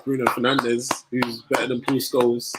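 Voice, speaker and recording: A man's voice: mid-range voice, little pitch movement, normal speed, background noise. A man hosting a football watch-along stream, teasing his viewers, laughing often and reacting to the play as it happens. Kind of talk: casual live-stream chat.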